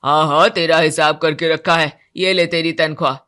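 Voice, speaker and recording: A woman voicing a stingy wealthy male employer, dismissive and curt, in a deep put-on voice. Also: fairly even intonation, normal speed, a bit bright. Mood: smug.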